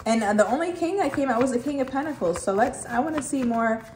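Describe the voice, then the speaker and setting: A woman's voice: high voice, expressive, fast talker, darkish tone. A woman giving a casual tarot reading, chatty and emphatic, swearing freely and checking in with "okay" again and again. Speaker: tarot reader. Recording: echoey room, faint noise.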